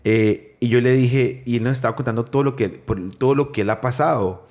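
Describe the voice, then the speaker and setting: A man hosting a podcast in casual conversation, relaxed and joking, prompting his guest. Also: medium pitch, a little fast. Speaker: podcast host.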